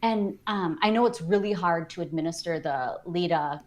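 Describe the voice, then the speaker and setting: A woman's voice: fairly low pitch, normal speed, a little mellow. A woman guest in a casual interview, chatty and self-deprecating, talking with frequent fillers.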